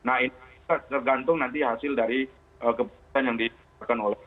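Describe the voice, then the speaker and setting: A man speaking as a guest in a remote news interview, hesitant and pausing often. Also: mid-range voice, sing-song, creaky. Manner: hesitant, filler-heavy. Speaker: guest commentator. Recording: phone-like line.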